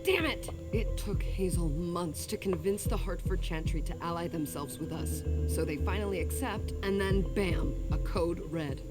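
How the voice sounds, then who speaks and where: A woman's voice: lowish voice, measured pace, hardly any pauses, lightly acted. An actress playing a stressed vampire woman responsible for a party, speaking tensely and cursing. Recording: game audio with clear music.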